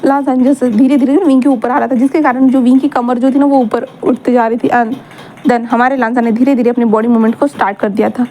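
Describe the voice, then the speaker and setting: Woman storyteller, chatty, self-correcting narration, brisk and high, faint noise behind. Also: steady tone, dark tone.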